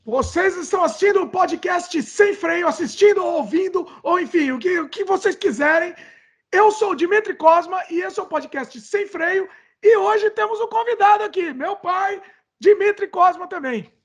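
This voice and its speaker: A man's voice: very high voice, normal speed. A young Brazilian man hosting a podcast in casual chat, playful and jokey, mocking himself. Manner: energetic. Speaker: podcast host.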